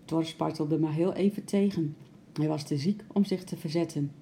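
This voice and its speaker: A woman narrating a children's story aloud in a gentle, expressive way. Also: low-pitched, normal speed, slight background noise.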